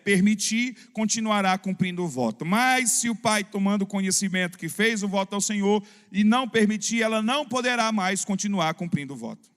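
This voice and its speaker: A Brazilian pastor delivers a fervent sermon and keeps calling for an "amém?" from the congregation. His voice sits high for a man. The long reverb of a church sanctuary trails after each phrase. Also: fairly bright tone. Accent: Brazilian Portuguese. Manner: fervent preaching with "amém?" call-and-response.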